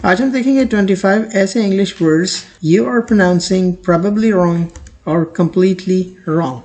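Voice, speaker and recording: High gravelly-voiced male language teacher. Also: darkish tone. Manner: slow and deliberate on model words and sentences. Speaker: English pronunciation teacher. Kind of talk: lecture with example sentences.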